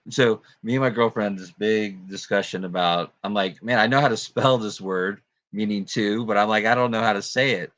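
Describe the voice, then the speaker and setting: A man's voice: lowish voice, moderate pace, fairly bright tone, dry recording. A man hosting a casual livestream, greeting viewers and chatting in a laid-back way with plenty of fillers and laughs. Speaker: livestream host.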